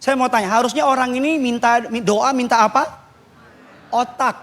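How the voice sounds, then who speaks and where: High-voiced joking pastor. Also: male voice, normal speed, fairly bright tone. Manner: joking storyteller, mimics voices, punchy preaching. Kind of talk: sermon. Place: church stage.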